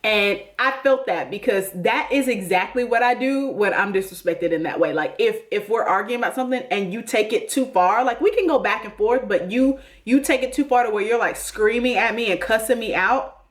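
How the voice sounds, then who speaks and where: A woman talks through a reality show recap in a loose, chatty way, full of opinions and fillers. Her voice sits a little high. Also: moderate pace. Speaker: recap host. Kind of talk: casual TV recap commentary.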